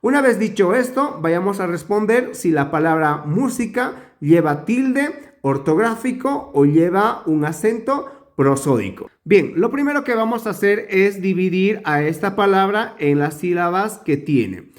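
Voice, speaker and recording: A male teacher giving a grammar lesson, slow and emphatic, drawing out words to show where the stress falls. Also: high voice, animated.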